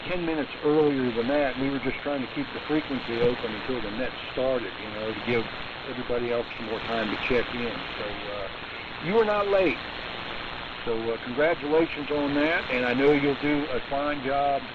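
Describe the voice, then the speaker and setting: A man runs the radio net, and his voice reaches us through a muffled AM signal. Loud static hiss nearly swamps him. He chats easily and throws in plenty of fillers. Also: medium pitch, moderate pace. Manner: relaxed and chatty, with many fillers. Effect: received over AM radio, with heavy static hiss. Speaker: radio net control operator. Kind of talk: casual on-air chat. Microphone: radio transmitter.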